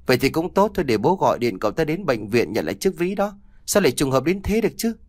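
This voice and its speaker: A man's voice: on the high side, big pitch swings, fast, pitched above the performer's own voice. A cheerful middle-aged father who dotes on his son and chats easily, read by a male narrator. The voice moves freely up and down as he talks. It sits close in a dry room with no echo. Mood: chatty. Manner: warm, chatty, fatherly. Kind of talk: audiobook dialogue reading.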